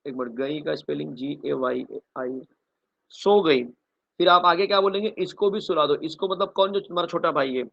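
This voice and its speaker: A male chemistry teacher gives a lively online revision lecture and keeps addressing his students directly. He throws out questions, answers them himself, and writes on a board as he goes. His voice sits fairly high, and the recording sounds dull and lo-fi. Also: normal speed, creaky. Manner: calls students "bachche" and "bhai", explains with a story mnemonic; writes on a board while talking.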